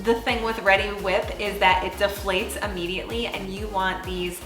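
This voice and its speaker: A bubbly, chatty woman hosts a cooking demonstration in a kitchen. Her voice rings in an echoey room, and loud music plays underneath. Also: medium pitch, fairly even intonation, normal speed. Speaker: cooking show host.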